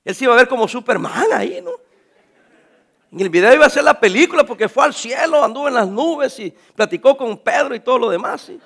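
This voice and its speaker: A pastor preaching a sermon, animated, calling his listeners brothers and acting out the voices of people in his stories. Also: extremely high pitch, a little fast, vocal fry. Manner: acts out quoted voices.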